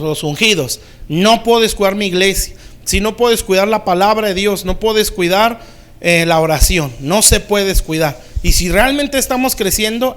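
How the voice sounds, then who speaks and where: A man with a high-pitched voice delivers a sermon as pastor. He preaches in plain, everyday words and keeps pausing to ask the congregation whether they follow. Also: a bit bright.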